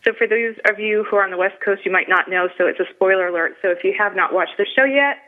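A woman with a northern US accent hosts a radio talk show in a chatty, gushing way. Her voice sits at an ordinary pitch and comes through a thin, phone-like line. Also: fast. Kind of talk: casual radio show chat. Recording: phone-like narrow sound.

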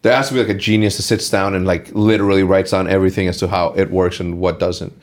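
A man's voice: low-pitched, level tone, fast talker. A man in his late thirties hosting a casual sit-down chat, rambling and opinionated with lots of filler words. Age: late 30s. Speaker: podcast host.

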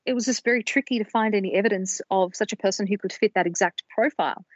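This podcast co-host talks at a quick pace in a mid-range voice, walking through her research in a careful, casual, explanatory way with small restarts. It's a dull, dry, lo-fi recording.

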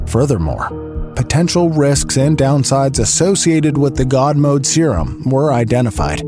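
A man playing a clinical agency researcher, reading a fictional report in a measured, formal, detached way. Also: mid-range voice, natural voice. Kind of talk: scripted narration of a fictional report.

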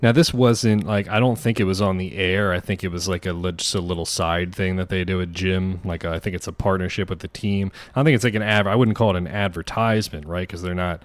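A deep-voiced man rambles through casual podcast chat, swearing freely and padding his talk with fillers. The sound is dry and close. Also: fairly even intonation, quick pace, few pauses, no echo. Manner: rambling, profane, many fillers. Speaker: podcast co-host.

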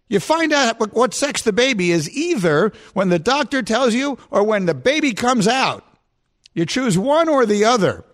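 A man's voice: high-pitched, fairly bright tone. A man in his fifties hosting a radio talk show, giving his opinions in a mock-outraged rant that keeps building in emphasis. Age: 50s. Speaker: radio host.

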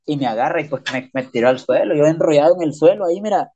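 A man rattles off a story at a quick clip, packed with slang and punchy sound effects. The sound is a little dull and lo-fi. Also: on the high side, lively intonation, mellow, breathy edge. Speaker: podcast guest, prisoner. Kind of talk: casual storytelling interview.

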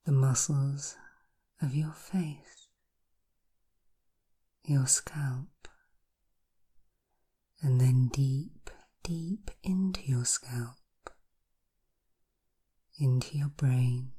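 Woman hypnotherapist for a guided session: very deep voice, dark tone, soft and half-whispered, with slow repeated suggestions. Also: husky.

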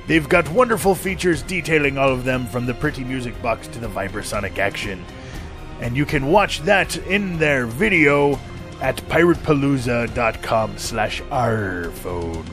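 A man puts on a jovial pirate voice as a cheeky comic podcast host. The delivery is very animated in pitch, full of jokey asides and pirate slang. Faint music plays behind him. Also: moderate pace, close to an everyday voice. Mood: mock salesman. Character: jovial, rascally male space pirate show host.

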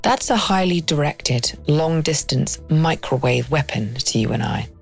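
A woman reading scripted documentary narration as the host, in a measured, explanatory way. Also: sits low, expressive, vocal fry. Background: music.

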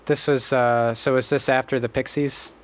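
A man's voice: mid-range voice, little pitch movement, moderate pace. A man from Western Massachusetts hosting a casual interview, asking curious, friendly questions. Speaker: podcast host.

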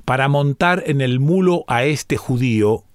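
A man's voice: mid-range voice, expressive, unhurried, no room sound, studio quality, voice pushed up, close to an everyday voice. A man reading aloud and voicing cruel armed soldiers who bark scornful orders. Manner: barking, scornful commands.

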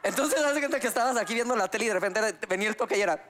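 A man with a Mexican Spanish accent from Veracruz, co-hosting a casual chat and telling animated stories full of swearing. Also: high voice, rapid-fire, slight background noise. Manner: animated storyteller, swears freely. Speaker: co-host. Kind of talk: casual banter.

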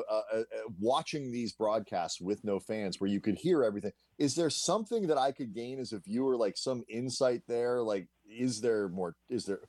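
A man's voice: mid-range voice, a little mellow, dry recording. A man co-hosting a sports podcast, stumbling a little as he works into his questions. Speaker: podcast co-host. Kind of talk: casual podcast conversation.

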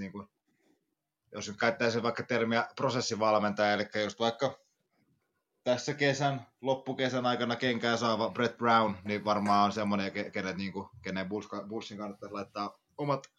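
A man's voice: fairly low pitch, a bit bright. A man co-hosting a casual sports podcast, hesitant and full of fillers, on a dull lo-fi mic. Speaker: podcast co-host.

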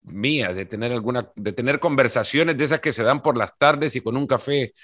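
Measured male podcast host, dry sound. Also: medium pitch, fairly bright tone, dry recording. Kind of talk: podcast interview, scripted intro then casual chat.

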